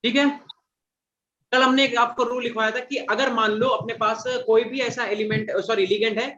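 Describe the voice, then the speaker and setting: High-voiced man quizzing a class. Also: fairly even intonation, moderate pace, pushed and bright, a little hiss or hum. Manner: repeats and quizzes students, calls them "beta". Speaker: teacher. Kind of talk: classroom chemistry lecture. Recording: dull lo-fi classroom recording.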